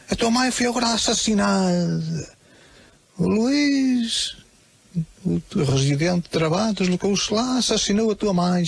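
Gravelly husky Portuguese man, matter-of-fact. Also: high voice. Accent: European Portuguese. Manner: calm, matter-of-fact, repeats himself. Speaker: interviewee. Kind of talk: flat recounting to camera.

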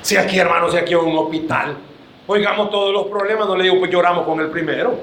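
A man's voice: sits high, fairly even intonation, quick pace, fairly bright tone, echoey room, slight background noise. A man preaching a sermon to his church, joking and calling his listeners brother.

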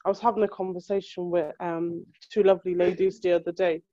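A woman chatting casually on a podcast, animated and exasperated as she tells stories and acts out what people said to her. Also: on the low side, quick pace, dry recording, muffled recording. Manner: animated, exasperated storytelling with acted-out quotes. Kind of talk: casual chat.

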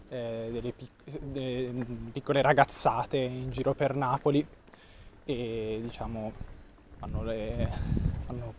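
A man's voice: medium pitch, a little mellow. Man, co-host, hesitant film summary, casual talk, faint vehicle noise. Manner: hesitant, many fillers and restarts, searching for words. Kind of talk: casual film review chat.

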